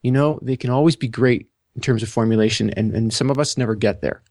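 A man co-hosting a podcast, talking through a book in halting, self-correcting speech and reading passages aloud. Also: medium pitch, a little mellow, dry recording, clean studio sound. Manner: halting, repeats words, reads passages aloud. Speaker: podcast co-host. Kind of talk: casual book discussion.

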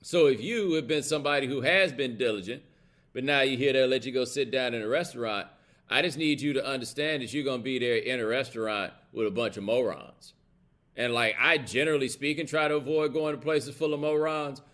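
With a mid-range, fairly bright voice and a brisk delivery, this American host runs a casual, opinionated livestream of live commentary. He talks bluntly and colloquially, leans on emphasis, and checks in with listeners.

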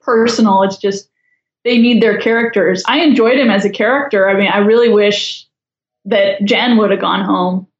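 A woman's voice: medium pitch, steady tone, normal speed, reverberant, highs cut off. A woman guest in a casual podcast chat, talking with a wry, chatty, judgmental humor.

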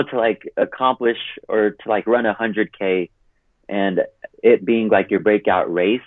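A man turning thirty, originally from California, guests on a podcast in casual interview chat, rambling and leaning heavily on "like." His voice is on the low side. The audio comes through a tinny phone line with no room sound.

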